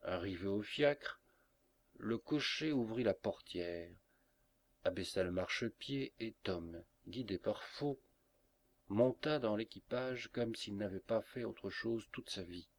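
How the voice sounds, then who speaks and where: A man narrating a classic novel in a measured, expressive way. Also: fairly low pitch. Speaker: audiobook narrator. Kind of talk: scripted narration.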